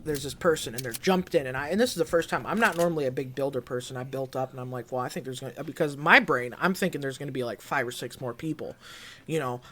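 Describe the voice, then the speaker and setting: A man who makes gaming videos, telling his viewers a story in a rambling, excitable way, full of fillers like "you know" and "like". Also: mid-range voice, fast, a little hiss or hum. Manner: animated, excitable retelling.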